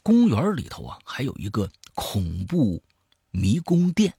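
A man who hosts a show, telling a scary story in the first person, swinging from hushed to loud. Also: medium pitch, wildly swooping pitch, unhurried, breathy edge, no echo, clean studio sound. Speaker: host reading a listener's story.

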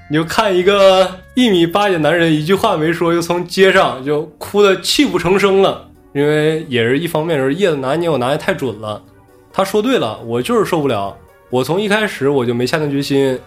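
A man casually telling a story from his own life on a podcast, animated and acting out what others said. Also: a little high, a little fast, soft background music. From Inner Mongolia.

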